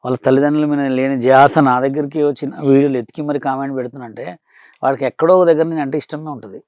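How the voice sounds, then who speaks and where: Blunt fast-talking man. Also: medium pitch, steady tone, a little mellow, no echo, clean studio sound. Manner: blunt, dismissive of critics, colloquial. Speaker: interview guest. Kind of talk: casual interview.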